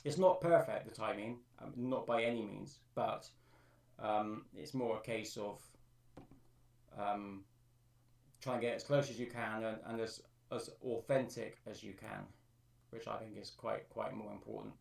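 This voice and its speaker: A man's voice: on the low side, fairly even intonation, a little slow, vocal fry, a little mellow, echoey room, distant mic. A man on a live stream, thinking aloud as he explains how he edits his own vocal track. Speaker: streamer and amateur music producer. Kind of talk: live-stream tutorial talk.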